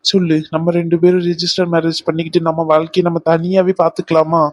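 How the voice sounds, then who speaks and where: A man's voice: a little high, completely flat delivery, quick pace, no room sound, close to an everyday voice. A man voicing an insistent, devoted young man in a cartoon, demanding answers. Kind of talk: cartoon voice acting.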